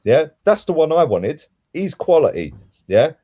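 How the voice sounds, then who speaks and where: A man's voice: a little high, very animated, a little slow, mellow, breathy edge. A man giving an opinionated football rant as a fan pundit, blunt, emphatic and colloquial.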